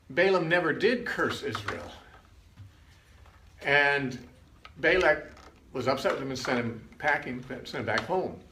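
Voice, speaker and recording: Older man teaching Bible stories, bright tone. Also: mid-range voice. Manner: conversational, acts out quoted lines casually. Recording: roomy with faint background noise.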